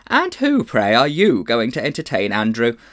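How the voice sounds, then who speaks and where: A man voicing a firm, quiet older woman who will not give in. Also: medium pitch, huge pitch swings, normal speed, dry recording, studio quality.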